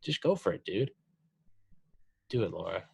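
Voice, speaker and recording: A young man with a lowish voice hosts a casual podcast chat, swearing freely and cheering his guest on. His delivery is animated and story-driven. The sound is dry and close, with no room echo. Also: moderate pace, gravelly, breathy edge. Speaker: podcast host.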